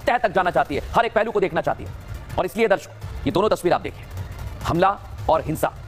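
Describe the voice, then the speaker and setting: A man's voice: high-pitched, lively intonation, fairly quick, soft background music. A male news anchor delivering emphatic, dramatic commentary full of rhetorical questions to viewers.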